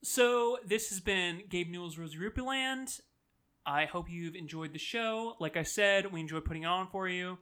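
A woman's voice: on the low side, a bit bright. A woman hosting a casual gaming podcast, joking through her sign-off. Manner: joking, quick sign-off patter. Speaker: podcast host.

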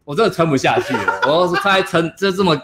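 A man's voice: a little high, fast, soft background music. A man telling a dating-coach story in a casual chat, often laughing and acting out what people said. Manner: animated, laughing often, acts out quotes.

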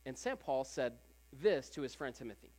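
A preacher at a Sunday service, talking to the congregation in a relaxed, everyday way rather than a formal one. Phrases get repeated for emphasis, and "like" fills the gaps. The pitch sits in a middle range. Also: moderate pace. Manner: casual, repeats phrases, frequent "like" fillers. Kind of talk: conversational sermon.

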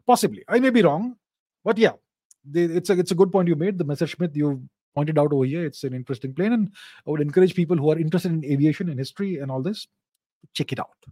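A man's voice: on the high side, fast, dark tone, dry recording. A man with an Indian accent giving opinionated, explanatory geopolitical commentary in an informal question-and-answer style, with emphatic points. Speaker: host of a live Q&A show.

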